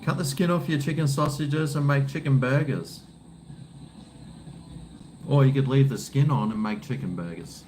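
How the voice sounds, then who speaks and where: A man's voice: medium pitch, normal speed, pauses often, darkish tone. A man with an Australian accent chatting casually to his viewers in a laid-back, blokey, rambling way. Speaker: livestream cooking vlogger. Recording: faint background noise.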